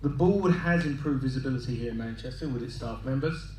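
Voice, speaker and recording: A man from London chairing a hustings, polite and halting with fillers. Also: mid-range voice, darkish tone, slight background noise. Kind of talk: chairing a public meeting. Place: large hall with an audience. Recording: echoey hall from far off.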